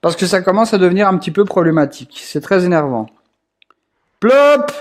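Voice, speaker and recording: A young man with a high-pitched voice runs a casual group voice call. He rambles, trips over his words and repeats himself often, with plenty of filler sounds. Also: fast. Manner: rambling, lots of hesitations and repeats. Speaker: group staff host.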